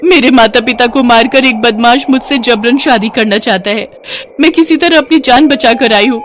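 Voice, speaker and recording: A woman voicing a young witch disguised as a frightened bride in an animated story, with tearful, coaxing pleas. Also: high voice, moderate pace, slight background noise, voice pushed up, natural voice.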